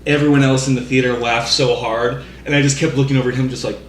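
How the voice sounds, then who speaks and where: A medium-pitched man talking quickly with little pitch movement co-hosts a casual movie podcast. He rants in a panel format, exasperated, emphatic, and sweary. The recording has roomy echo and slight background noise.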